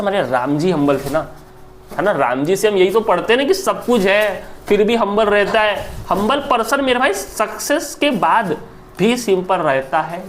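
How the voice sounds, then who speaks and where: A man with an Indian accent teaching English vocabulary in a lively, chatty online lecture, repeating words aloud and calling listeners brother. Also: high-pitched, a little hiss or hum. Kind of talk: online exam-prep lecture.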